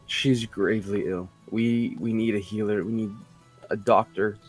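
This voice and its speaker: A man's voice: on the low side, fairly even intonation, measured pace, slightly rough, faint music behind. A man playing in a tabletop game, pressing urgently and insistently in character. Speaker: player. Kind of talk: casual tabletop role-play.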